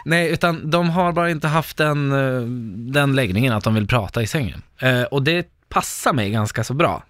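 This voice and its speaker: A man's voice: mid-range voice, no echo, clean studio sound. A young man from Sweden, a podcast guest, telling stories in casual chat and laughing often. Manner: animated storyteller, laughs often.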